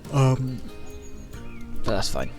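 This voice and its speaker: A man with a gravelly, creaky voice at a middling pitch, chatting sleepily and yawning as he talks through a building game. He rambles and talks to himself with lots of ums. Faint music plays behind him. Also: big pitch swings, takes it slowly, darkish tone. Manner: rambling, self-talking, frequent fillers. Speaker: gaming video creator. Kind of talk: casual commentary while building in a game.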